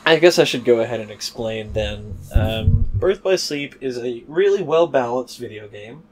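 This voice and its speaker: A man's voice: mid-range voice, expressive, normal speed, noisy background. A man casually commenting on his gameplay as a let's play host, joking and swearing offhand.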